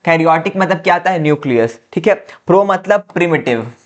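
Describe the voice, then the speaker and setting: Higher-pitched man teaching biology. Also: expressive, brisk. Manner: repeats questions and answers them himself, says "ठीक है" often; addresses students as "बच्चा". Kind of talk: classroom lecture.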